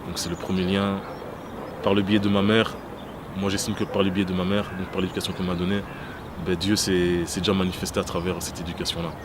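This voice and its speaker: A man's voice: low voice, little pitch movement, a little fast. A man from Congo in his thirties, giving a testimony interview with many hesitations and restarts. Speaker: interview guest. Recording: loud background noise.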